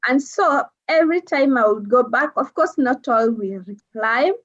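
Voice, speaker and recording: A woman's voice: high-pitched, lively intonation, normal speed, fairly bright tone. A woman from Kenya with a Kenyan accent, a guest talking casually in an interview, hesitant with many fillers and easy laughs. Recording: dull lo-fi sound.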